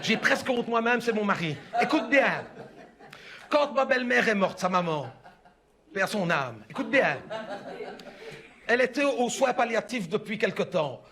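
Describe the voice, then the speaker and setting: In a stand-up character monologue, a man fully voices a chatty middle-aged Belgian French mother pouring out grievances with "hein" and "écoute bien." His high, bright voice is very animated at normal speed and pauses often, confiding like a neighbour over the fence.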